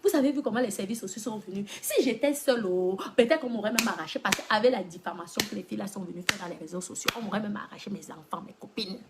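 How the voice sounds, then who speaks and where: A woman talks straight to her followers in a live stream, lecturing them like a teacher. She jumps between loud exclamations and hushed whispers, with a mid-pitched voice and faint noise behind her. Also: fast, few pauses. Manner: addresses listeners as girlfriends, lecturing tone.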